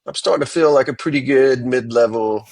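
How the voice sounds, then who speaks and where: Husky, animated storytelling man. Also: mid-range voice, brisk, no room sound. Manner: animated anecdote-telling with quoted dialogue. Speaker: guitarist guest. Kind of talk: storytelling interview.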